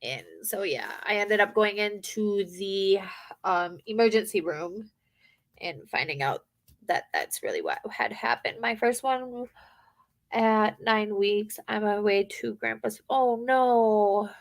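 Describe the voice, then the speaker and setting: A woman's voice: medium pitch, expressive, slow pace. A woman who works a hotel front desk, telling stories in a rambling, casual chat and acting out what people said. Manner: chatty, rambling, acts out quotes.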